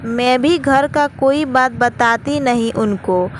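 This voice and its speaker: A woman's voice: high-pitched, takes it slowly. A woman voicing a weary, resentful young married woman who complains about her in-laws. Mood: bitter. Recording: noisy with traffic outside.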